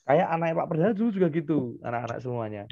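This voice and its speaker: A man, a primary school teacher giving an online class to children, animated and acting out parents and kids. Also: on the high side, racing, vocal fry, no room sound, lo-fi sound.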